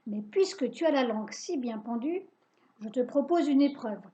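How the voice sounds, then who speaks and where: Woman doing a shrill, sneering old witch. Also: lively intonation, moderate pace, mellow. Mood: scheming. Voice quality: shrill, pointed. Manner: sneering, mocking, gleeful. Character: sour, mean little old female witch.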